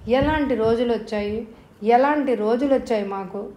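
A woman's voice: a little high, moderate pace, mellow, close to an everyday voice. A woman voicing a bitter, domineering middle-aged mother in an audio novel, scolding sharply and wailing laments. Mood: despairing.

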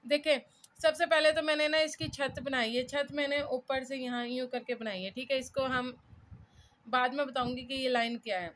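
Chatty high-voiced woman explaining while writing. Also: a bit bright. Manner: chatty and informal, thinks aloud, often checks in with "ठीक है". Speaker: student sharing her study notes. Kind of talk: casual self-made lesson, explaining while writing characters. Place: cluttered room at home.

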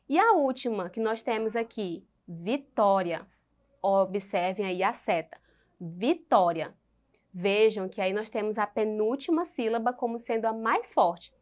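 A woman teacher with a Brazilian Portuguese accent giving a recorded school lesson, slow and patient, spelling out syllables and repeating words. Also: medium pitch.

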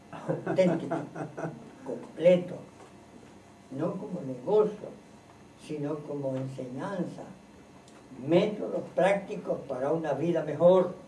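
Slow-speaking man teaching in a roomy home. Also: on the high side, dark tone, slight background noise. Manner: slow, earnest, preacherly with lists and repetitions. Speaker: spiritual teacher. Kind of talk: informal teaching talk to a group. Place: room in a private home. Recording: roomy, distant home recording.

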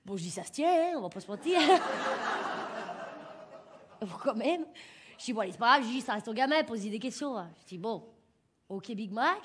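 This woman's voice is fairly high, expressive and close to everyday speech; she talks briskly but leaves long pauses. She's a comedian in a stand-up character piece, portraying a crude, bragging working-class mother whose brash, rambling monologue is full of fillers and curses.

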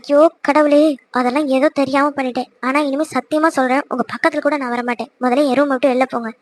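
Woman playing a jealous young cartoon wife, high voice, rapid scolding talk. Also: little pitch movement, a little hiss or hum, close to an everyday voice. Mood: annoyed. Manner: scolding, quick, emotional. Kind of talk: cartoon voice acting.

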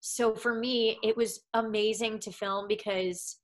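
A young actress from Massachusetts, Boston accent and all, chats casually as an interview guest from her home. Her voice sits on the higher side, steady and unhurried, and she rambles with plenty of "like" and "um".

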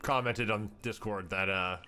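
A man co-hosting a game livestream in casual chat, talking through a headset mic, chatty and quick to laugh. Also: on the low side, steady tone, bright, forceful tone. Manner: chatty, laughs easily, thanks donors. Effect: livestream headset audio. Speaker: livestream co-host.

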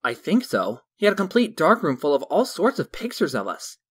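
A man's voice: on the high side, huge pitch swings, a little fast, husky, dry recording, studio quality, heavily acted. A man voicing an eager, boyish young sidekick in a burglary crew, in a comic dub.

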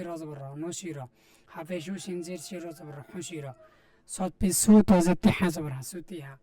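A man's voice: a little high, darkish tone. A man teaching Quran reading, patiently spelling out Arabic letters and vowel marks, with a Bangladeshi Bengali accent. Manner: patient, repetitive, addresses viewers directly. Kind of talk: spelling drill lesson, letter by letter.

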